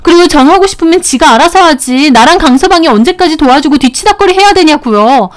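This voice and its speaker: A woman's voice: high voice, expressive, quick pace, pitched above the performer's own voice. A woman voicing an exasperated young wife who argues back with her family in a dramatized story reading. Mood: indignant. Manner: indignant, raised voice.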